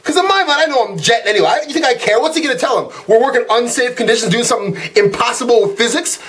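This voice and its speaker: A man hosting his own channel, delivering a comedic, profane rant monologue in an animated way. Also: very high voice. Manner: fast-talking, animated and profane. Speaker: channel host.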